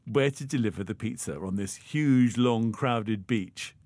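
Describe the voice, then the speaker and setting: A man co-hosting a casual podcast, explaining things in a rambling, halting way. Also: medium pitch, a little mellow, no room sound. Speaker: podcast co-host. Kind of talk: casual chat.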